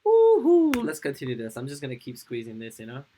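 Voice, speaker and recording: A man hosting a reaction video, talking straight to his viewers in a halting, agitated way. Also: medium pitch, fairly even intonation, a little mellow, slight background noise, low-quality recording. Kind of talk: casual reaction commentary.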